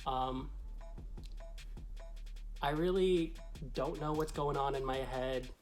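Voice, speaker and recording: A man's voice: medium pitch, slow, soft background music. A man who is a drag queen vlogger, talking through a tutorial to camera in a chatty, meandering, explanatory way. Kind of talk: casual tutorial talk to camera.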